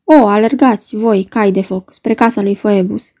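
A woman's voice: medium pitch, steady tone, dark tone, husky, no room sound, studio quality. A woman reading the part of a young girl longing for her beloved, in lyrical verse. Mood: yearning. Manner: lyrical, yearning delivery. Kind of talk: dramatic reading of a play.

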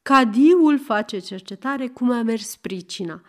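A woman narrating a folk tale in a lively, animated reading. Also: a little high. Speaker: storyteller. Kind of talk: storytelling narration.

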